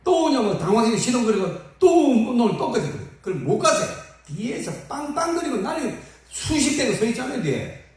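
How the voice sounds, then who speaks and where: A man's voice: very high-pitched, a little fast. A man preaching a sermon to his congregation, telling funny stories and acting out the people in them. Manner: lively, humorous storytelling with acted-out quotes. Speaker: pastor. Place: church sanctuary. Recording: echoey hall from far off.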